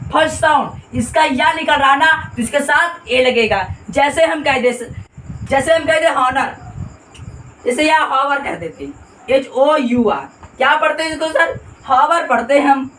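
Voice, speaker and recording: A man's voice: very high-pitched, sharp tone, a little hiss or hum. A male grammar teacher explaining a lesson, repeating points and quizzing listeners with constant questions. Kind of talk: classroom explanation. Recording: echoey room, distant mic.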